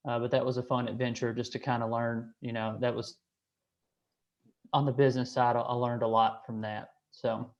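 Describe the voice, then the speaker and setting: A man's voice: medium pitch, little pitch movement, moderate pace. A man, hosting an online meeting in a hesitant way, with many restarts and fillers. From Kentucky, USA. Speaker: association director hosting a call. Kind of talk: casual online meeting talk. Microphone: video call. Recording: slightly dull call audio.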